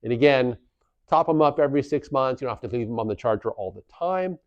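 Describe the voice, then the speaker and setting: Wearing a lavalier clipped at his collar, a man in his forties presents a community how-to video series from a small, plain indoor office. He explains things plainly and reassuringly like an informal instructor, his mid-range voice animated and fast. The audio is dull but has no echo.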